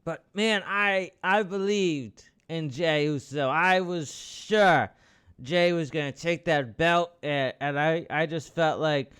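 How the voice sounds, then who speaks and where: A man hosting a podcast, talking casually about wrestling in a rambling way with restarts, bursting into loud, excited outbursts and the odd swear. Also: on the high side, slow pace, smooth. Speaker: podcast host.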